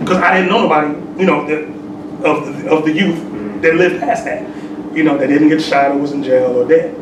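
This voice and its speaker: A man's voice: fairly high pitch, steady tone, normal speed, recorded from a distance. A man in his forties, a temple sheik, giving a conversational sermon with streetwise talk, peppered with "you know what I'm saying.". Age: 40s. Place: temple hall. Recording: echoey room, mic from afar, hissy.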